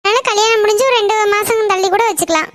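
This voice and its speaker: Courteous cartoon matron, groom's mother, high and brisk, a woman voicing her. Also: no echo, studio quality. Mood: polite. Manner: polite, courteous. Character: polite, cheerful mother of the groom.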